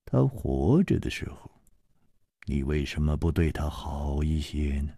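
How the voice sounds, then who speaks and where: A man voicing a calm, worldly male swordsman hero who speaks slowly and sighs wryly. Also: vocal fry, husky, no echo, studio quality, full character voice. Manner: slow low-voiced sighing speech.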